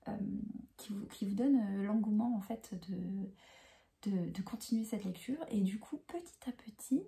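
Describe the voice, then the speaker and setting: Hesitant woman with a dark, gravelly voice. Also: medium pitch, unhurried. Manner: hesitant, many fillers and restarts. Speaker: book reviewer. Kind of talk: casual book review chat.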